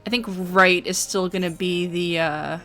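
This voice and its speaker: A woman's voice: fairly low pitch, steady tone, unhurried, fairly bright tone, soft background music. A young woman hosting a casual livestream while playing a game, chatty and upbeat, with lots of fillers and affirmations. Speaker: livestream host.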